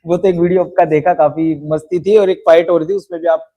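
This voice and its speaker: A man hosting a podcast, calmly asking his guest questions. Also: on the high side, brisk, lo-fi sound. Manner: calm, asks questions and backchannels. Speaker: podcast host. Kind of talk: casual podcast interview.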